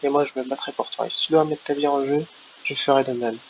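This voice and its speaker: A man voicing a quiet, loyal giant of a friend, reading game dialogue aloud in a solemn, promising tone, on a lo-fi recording. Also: medium pitch, steady tone, quick pace, gravelly, natural voice. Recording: lo-fi with faint hiss.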